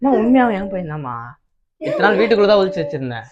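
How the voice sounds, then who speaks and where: A man pranking his mother, pleading fast and coaxing a crying child in casual banter. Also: high-pitched, big pitch swings, lo-fi sound, very noisy. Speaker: prankster, YouTube host.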